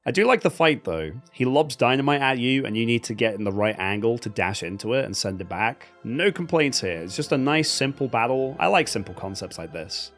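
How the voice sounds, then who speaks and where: A man narrates his playthrough of a video game with dry, sarcastic humor, laughing at its oddities. His pitch swings widely as he talks. Soft game music plays faintly behind him. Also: expressive, brisk, few pauses. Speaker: gaming video host. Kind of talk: comedic gameplay commentary voice-over.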